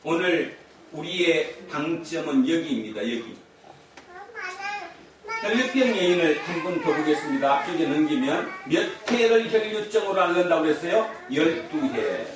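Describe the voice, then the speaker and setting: Animated pastor quizzing his congregation. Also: on the high side, normal speed. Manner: questions the congregation and repeats the answers. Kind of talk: sermon. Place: church sanctuary. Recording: echoey church hall from far off.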